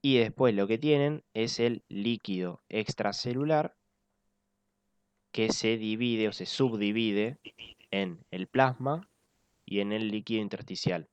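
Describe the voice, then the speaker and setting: A man teaching physiology in an online class, explaining step by step and slowing down to repeat key points. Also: lowish voice, clear, resonant tone, no room sound. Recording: dull lo-fi dry sound.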